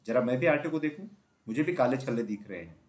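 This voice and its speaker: A man voicing a curious, kindly mother in a read-aloud story, gently asking questions in a raised voice. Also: mid-range voice, animated, fast, close to an everyday voice. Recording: roomy echo.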